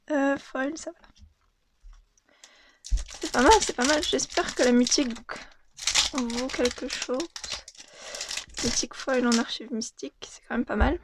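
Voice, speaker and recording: A young woman casually opening and commenting on trading cards, reading them out in a soft, murmured voice that often drops to a half-whisper. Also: high voice, noisy background. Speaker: card unboxing vlogger.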